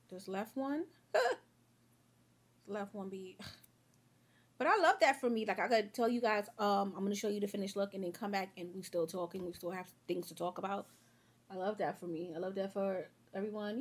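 Her mid-range voice is animated and moves at a normal speed. A young beauty vlogger, she chats through a casual get-ready-with-me while doing her makeup at home, a little sniffly from a sore throat, friendly and rambling, calling her audience "y'all" and "girl."

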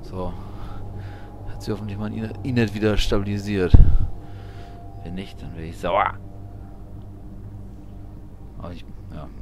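Streaming a game live, a man offers casual commentary, chatting and grumbling as he reasons aloud over game music. His lowish voice stays steady at a measured pace, broken by long pauses, with background noise present.

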